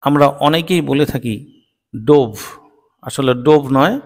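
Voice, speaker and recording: A man teaching English pronunciation in a lesson, drilling words one at a time slowly and deliberately. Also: on the high side, gravelly, in a large hall. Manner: slow, deliberate word-by-word drilling.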